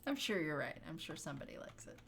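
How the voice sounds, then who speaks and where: A woman's voice: low-pitched, very animated, fast, vocal fry, a bit bright, slight background noise. A woman co-hosting a game stream, teasing her partner with dry remarks and reading chat aloud. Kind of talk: casual livestream chat.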